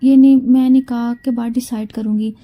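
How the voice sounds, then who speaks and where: A woman voicing a stubborn, sharp-tongued young college woman with defiant, irritated replies. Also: on the high side, fairly even intonation, normal speed, dull audio, lightly acted.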